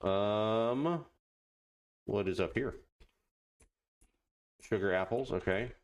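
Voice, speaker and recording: Low male voice, let's play host, casual commentary, halting muttered asides, reads game text aloud. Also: highs cut off, a little hiss or hum. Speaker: gaming video host.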